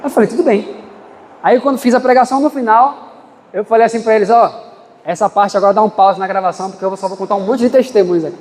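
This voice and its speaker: A man preaches a fiery sermon in a very high voice, swinging between rushed and drawn-out phrases. His voice carries a long reverb, as if filling a big church hall. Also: darkish tone. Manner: impassioned, dramatic swings in pitch and pace.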